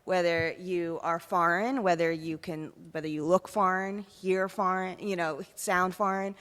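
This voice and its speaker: Thoughtful low-voiced woman panelist, reverberant hall. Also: steady tone, unhurried, fairly bright tone, clean tone. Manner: thoughtful, loose with "you know" and "kind of". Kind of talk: panel discussion remarks.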